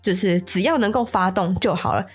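A woman's voice: mid-range voice, a little fast, breathy edge, faint music behind. A woman podcast host with a Taiwanese Mandarin accent, telling a story casually, with stammering restarts. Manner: stammering restarts, acts out quotes.

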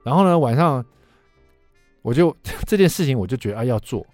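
A middle-aged man hosting a radio talk show, speaking. His pitch swings up and down as he tells a self-mocking anecdote. The studio sound is dry, with faint music underneath. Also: expressive, a little fast, darkish tone, dry recording. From Taiwan. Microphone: studio microphone.

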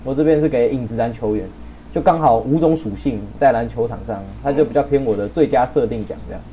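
A young man hosts a loose podcast chat, talking quickly. He jokes, teases and swears freely. A faint hiss of noise sits under the voice. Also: medium pitch, mellow. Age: young adult. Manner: fast, joking, swears a lot. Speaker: podcast host. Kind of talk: casual chat.

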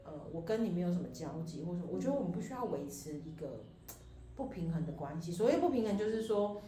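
Fast-talking woman telling a story. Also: on the low side, slight background noise. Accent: Taiwanese Mandarin. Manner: rambling, animated storytelling with quoted dialogue and laughter. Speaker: podcast co-host. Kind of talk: casual chat, telling a personal story. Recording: echoey room with faint music.

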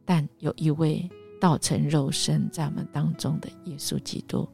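Lowish gravelly woman telling a bible story on a devotional show, goes animated then near-whispery, faint music behind. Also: normal speed. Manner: animated retelling, drops to soft half-whispers. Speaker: devotional podcast host.

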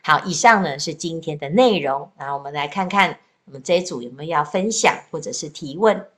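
A Buddhist teacher, a woman, explains a sutra gently and patiently. She often stretches sentence particles. Her voice is somewhat low, and she speaks over a video call. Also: animated, a little fast. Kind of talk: sutra lecture.

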